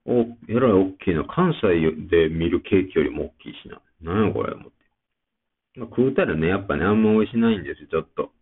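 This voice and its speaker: Low gravelly Kansai man, tinny sound. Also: expressive, quick pace. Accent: Kansai Japanese. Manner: rambling, chatty, many fillers. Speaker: podcast host. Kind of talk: casual solo talk.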